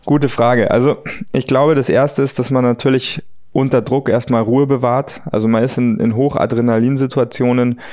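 A man in his thirties, born in the United States, talking casually as a podcast co-host, relaxed and easygoing, with frequent fillers. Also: mid-range voice, normal speed, dry recording, clean studio sound. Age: 30s. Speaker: podcast co-host, trauma surgeon.

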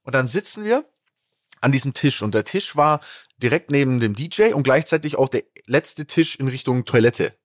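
A man on a podcast telling an animated anecdote in casual chat, with many fillers and restarts. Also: medium pitch, moderate pace, dry recording, clean studio sound. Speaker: podcast co-host.

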